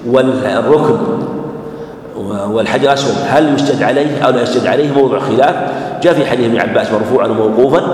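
A man giving a religious lesson, speaking in a measured way and repeating phrases for emphasis. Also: mid-range voice, darkish tone. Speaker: Islamic scholar teaching a hadith class. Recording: echoey hall with faint ambience.

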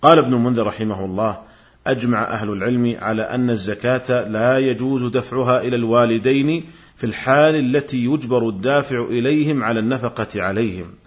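A man delivering a scripted religious lecture in formal standard Arabic, in a measured, formal manner as he cites sources. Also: mid-range voice. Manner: formal, measured, citing quotations. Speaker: religious lecturer presenting a programme series.

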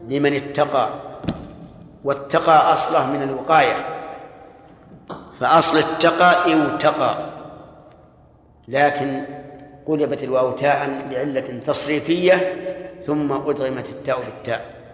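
A man teaching a Quran exegesis lesson. He explains step by step, stresses key words with sudden louder rises and quizzes his students. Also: mid-range voice. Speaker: religious teacher. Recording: echoey hall with long reverb.

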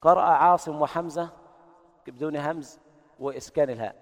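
A man teaching Quran recitation readings in an explanatory lesson, who breaks into slow, melodic chanting to demonstrate each reading. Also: fairly high pitch, big-room sound.

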